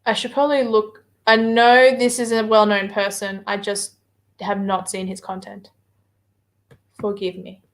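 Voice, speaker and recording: An Australian woman appears as a guest on a livestream, reading out viewer chat and answering comments casually, often hesitating with filler words. Her medium-pitched voice is level and unhurried.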